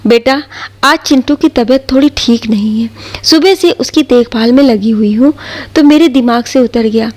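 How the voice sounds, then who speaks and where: A woman voicing a meek elderly mother who speaks softly. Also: on the high side, moderate pace, lightly acted. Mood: gentle. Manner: soft and gentle.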